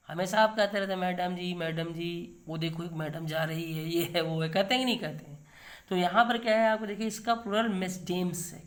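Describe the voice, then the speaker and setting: A middle-aged male teacher gives an online grammar lesson at an unhurried, patient pace. He keeps asking little rhetorical questions, answers them himself and checks that the viewer follows. His voice sits a touch higher than most men's. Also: fairly bright tone.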